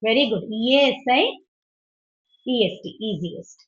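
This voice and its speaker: Woman teacher, fairly high voice, patient, asks students questions, dull online-call audio. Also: expressive, extremely slow. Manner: patient, questioning, mixes English into explanations. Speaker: English teacher. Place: online video class.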